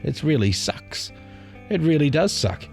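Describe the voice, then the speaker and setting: A man's voice: fairly high pitch, big pitch swings, unhurried, creaky, a little mellow. A man hosting an informal news commentary on memes, rambling along in a casual, sardonic way. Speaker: host of a satirical news commentary channel. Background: music.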